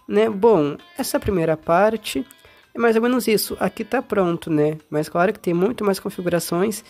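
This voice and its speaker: A woman's voice: medium pitch, normal speed, darkish tone. Informal Brazilian woman giving a tutorial. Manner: informal, often checking in with short tag questions. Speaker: tutorial host. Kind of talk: casual step-by-step phone tutorial. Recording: faint music behind.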